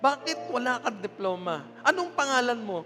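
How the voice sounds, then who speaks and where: A man voicing a stern, irritable female schoolteacher, asking sharp scolding questions. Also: on the high side, big pitch swings, moderate pace, pitched above the performer's own voice. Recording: long church reverb with music.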